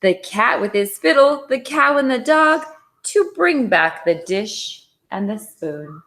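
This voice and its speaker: A woman reads a children's picture book aloud in an expressive storytelling style, her voice on the high side and her pace slow.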